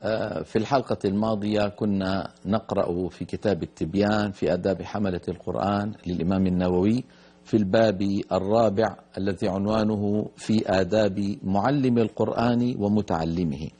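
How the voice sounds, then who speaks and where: A man hosting a broadcast Quran recitation lesson, explaining pronunciation and slowly drawing out letters and words to demonstrate them. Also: fairly low pitch, steady tone, mellow, husky. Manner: slow, drawn-out demonstration of letter sounds. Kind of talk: tajweed lesson on a broadcast program.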